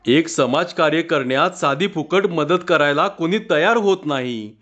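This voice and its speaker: A man reads a humorous village tale in a steady, measured narrating voice. His pitch sits fairly high for a man. The recording sounds muffled and lo-fi. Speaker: storyteller. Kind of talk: humorous story reading. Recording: dull lo-fi recording.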